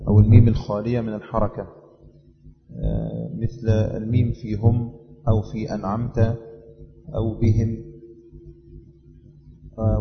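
A man with an Egyptian accent teaching the rules of Quran recitation in a measured way, repeating each rule as he explains it. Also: fairly low pitch, vocal fry, big-room sound, muffled recording. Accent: Egyptian Arabic. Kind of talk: tajweed lesson.

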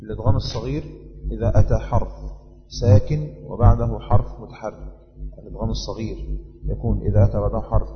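A man with an Egyptian accent teaching the rules of Quran recitation in a measured way, repeating each rule as he explains it. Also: lowish voice, vocal fry, in a large hall, muffled recording. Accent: Egyptian Arabic. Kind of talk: tajweed lesson.

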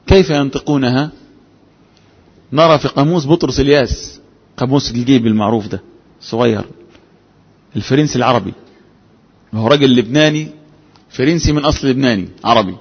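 A man's voice: mid-range voice, husky, highs cut off. Egyptian man lecturing in an echoing hall. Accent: Egyptian Arabic. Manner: asks the class rhetorical questions, mixes formal and colloquial speech. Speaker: Islamic jurisprudence teacher. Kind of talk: classroom lecture.

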